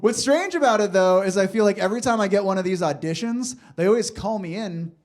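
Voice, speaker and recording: A stand-up comedian in his thirties, a man with a noticeably high voice. He delivers deadpan punchlines and talks casually with the crowd between bits. He is from Los Angeles and is performing on a comedy club stage. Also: fast talker. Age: 30s.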